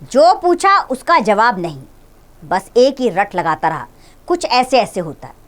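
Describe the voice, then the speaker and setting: A woman's voice: a little high, sing-song, measured pace. A woman voicing a flustered father who hurriedly explains his son's stomach trouble, in a read-aloud play. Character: flustered father of sick boy.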